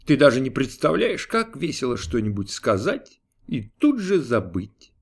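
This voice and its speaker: A man doing a cranky, imperious old God who snaps and grumbles at his servant, his pitch jumping high and loud. The lines come slowly and roll, with a touch of distance from the mic, as in a storybook reading. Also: very animated, creaky, slightly rough, full character voice. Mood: capricious. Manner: snapping, grumbling, mocking. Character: grumpy capricious male God, old and imperious. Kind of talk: audiobook character voice.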